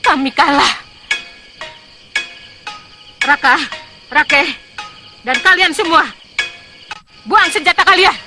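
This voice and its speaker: A very high-pitched, imperious villainess rules her undead army with proud, vengeful authority. The delivery is theatrical, in the manner of historical fantasy drama, over loud music. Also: slow pace, long pauses. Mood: bitter defeat. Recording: loud music under dialogue.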